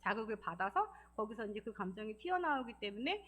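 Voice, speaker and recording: A woman with a fairly high voice gives a Sabbath school talk in church. She speaks in a lively, encouraging way, often laughs, and acts out quoted feelings in changing voices. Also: fast. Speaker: deaconess giving a church lesson.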